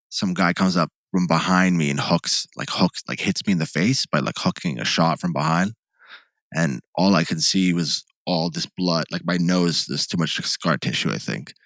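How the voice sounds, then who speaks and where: A young man co-hosting a podcast, telling a rambling, animated story full of restarts and "like". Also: low-pitched, no room sound. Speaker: podcast co-host. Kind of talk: casual chat, storytelling.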